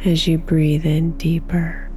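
A woman guiding a sleep meditation in a soft, slow, soothing whisper. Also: low voice, monotone, faint music behind.

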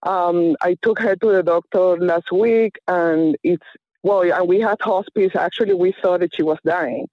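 A woman calling in to a radio show over a phone line, speaking in a hesitant, halting way with many fillers. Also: fairly low pitch, fairly even intonation, no echo. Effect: caller heard over a phone line. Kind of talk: phone-in conversation. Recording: dull phone-line sound.

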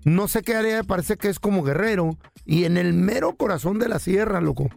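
A Mexican man with a high voice spins a story for his podcast, casual and animated, acting out what people said. Faint music sits beneath the talk. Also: fairly quick, vocal fry, dry recording. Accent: Mexican Spanish. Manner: animated, acts out quotes. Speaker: podcast host.

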